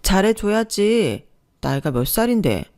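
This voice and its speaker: A woman's voice: medium pitch, big pitch swings, unhurried, a little mellow. A woman doing a blunt older coworker. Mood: teasing. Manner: blunt, teasing.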